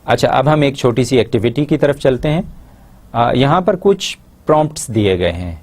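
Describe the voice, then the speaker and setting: A man's voice: medium pitch, a little mellow. Pakistani man teaching an English lesson. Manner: explains in Urdu, models English phrases slowly and deliberately. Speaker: English lecturer. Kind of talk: classroom lecture.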